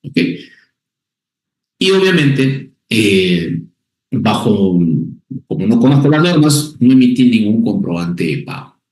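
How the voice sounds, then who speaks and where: A tax instructor with a medium-pitched, darkish voice takes his time during a recorded class lecture, his pitch swinging widely. He repeats key points and stresses important words by saying them again, checking in with short questions like "¿ok?" and "¿ya?". The room sounds echoey.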